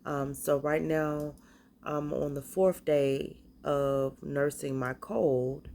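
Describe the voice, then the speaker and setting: Congested from a cold, a woman hesitantly presents her own spiritual bath and body products in a casual way. She has a deep, creaky, darkish voice with little pitch movement, and there's slight noise behind her.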